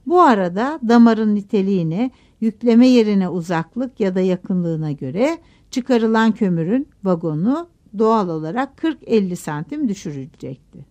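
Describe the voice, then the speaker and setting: A woman narrating a novel aloud in a measured, expressive audiobook reading. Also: mid-range voice, lo-fi sound.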